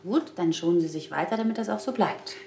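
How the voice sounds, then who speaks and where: A female hospital doctor in a naturalistic TV drama. Her voice sits a little low and she is courteous and reassuring. Music plays clearly behind her. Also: lively intonation, quick pace, dark tone. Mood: friendly.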